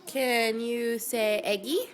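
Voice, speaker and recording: A woman with a higher-pitched voice records at home, prompting her little one word by word. She talks unhurriedly and speaks each word with care. She keeps a patient, coaxing tone. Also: steady tone, slight background noise. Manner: patient, coaxing, repeats words slowly and clearly. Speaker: mother. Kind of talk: home video, coaching a toddler.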